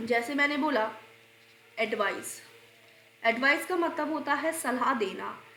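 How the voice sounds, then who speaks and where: A woman teaching grammar for exams, explaining slowly, repeating answers and posing questions she answers herself, coughing and clearing her throat while unwell. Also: high-pitched, pushed and bright, reverberant. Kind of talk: exam-prep grammar lesson.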